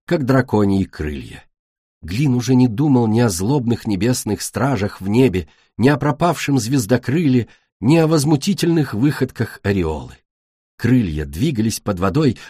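A man reading a children's fantasy audiobook in an expressive manner. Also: medium pitch, breathy edge, dry recording, studio quality. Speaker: audiobook narrator.

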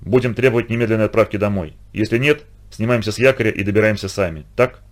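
A man doing a brisk, resolute ship captain. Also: on the low side, close to an everyday voice.

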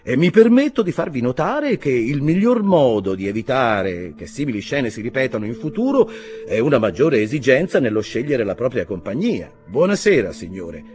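A man's voice: mid-range voice, big pitch swings, moderate pace, a little mellow, pitched above the performer's own voice, close to an everyday voice. A man voicing a haughty army lieutenant who speaks with contempt and aloofness.

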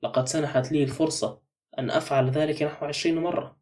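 A man's voice: on the high side, fairly even intonation, fast, a little mellow, recorded from a distance, close to an everyday voice. A man reading a curt, sardonic suspect. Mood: cool. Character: sharp-tongued wary man under suspicion.

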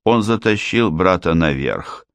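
A man narrating a thriller audiobook with steady, measured storytelling. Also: low-pitched, smooth, dry recording.

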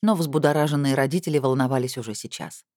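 A woman narrating a first-person story in a lively, wry storytelling manner. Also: very deep voice, quick pace, no echo, studio quality.

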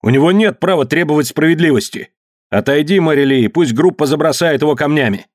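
A man voicing an angry, bullying young leader of a group who shouts accusations in a story reading. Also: mid-range voice, moderate pace, dry recording, clean studio sound, voice pushed up, natural voice. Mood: furious. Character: scornful bullying young gang boss.

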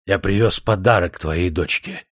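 A man's voice: sits low, a little slow, slightly rough, no room sound, clean studio sound, exaggerated voice. A man doing an arrogant, hot-tempered rich old boss. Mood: eager, insistent. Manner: imperious, bursts into shouting. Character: rich, arrogant older male factory owner, hot-tempered.

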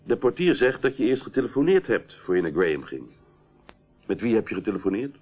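In a muffled, narrow-band old radio recording, a man plays a stern, persistent police inspector interrogating a witness in a radio drama. His fairly quick, slightly rough, lowish voice has a sing-song lilt, and his questioning is probing, businesslike and authoritative.

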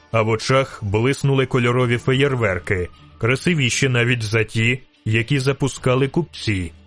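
A man narrating a fantasy audiobook with steady, vivid storytelling. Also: medium pitch.

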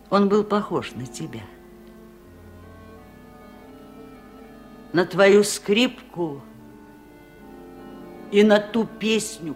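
In a 1970s radio drama, an actress voices a wise, kind and slightly stubborn old village aunt. The older woman speaks slowly, in a low voice and a gentle mood.

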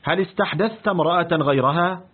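A man reading the part of a revered elderly scholar, speaking in a grave, measured way. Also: high-pitched, slightly rough. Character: revered elderly male scholar, calm and firm. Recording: tinny, lo-fi phone-like audio.

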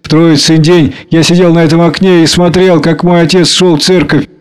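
A man's voice: on the high side, flat delivery, moderate pace, clear, resonant tone, voice pushed up, natural voice. A man reading a play aloud and voicing a sentimental, speechmaking aristocrat. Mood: flustered. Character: sentimental, rambling aristocratic man, middle-aged.

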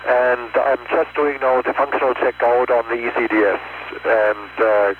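A man on a spacecraft crew giving a halting status report over a narrow two-way radio link, full of fillers. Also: mid-range voice, level tone. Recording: tinny radio link with faint hiss.

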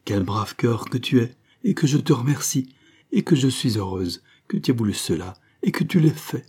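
A man's voice: medium pitch, animated, moderate pace, darkish tone, breathy edge, pitched above the performer's own voice. A man reading aloud voices a careworn young woman who is tender and overwhelmed, speaking with pleading emotion.

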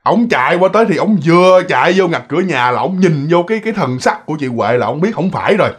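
A man with a Southern Vietnamese accent narrating a spooky tale as if chatting with friends. His voice sits a little high and he fills his talk with casual asides to the listeners. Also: animated, fast talker, slightly rough. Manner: chatty, addresses listeners, lots of fillers. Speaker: ghost story narrator. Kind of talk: casual spoken storytelling.

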